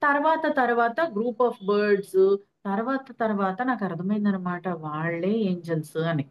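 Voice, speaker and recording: A young woman speaks with a Telugu accent and a mid-range voice. She tells a personal spiritual story in a lively storytelling manner. She acts out the dialogue as she goes. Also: medium pitch, measured pace, lo-fi sound. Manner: lively storytelling, acting out her own quoted speech. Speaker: guest speaker on angels and meditation.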